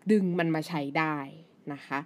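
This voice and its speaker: A woman in her thirties, a native Thai speaker, hosting her own podcast in a loose, chatty solo monologue full of fillers. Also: normal speed. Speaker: podcast host. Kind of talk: casual solo podcast chat.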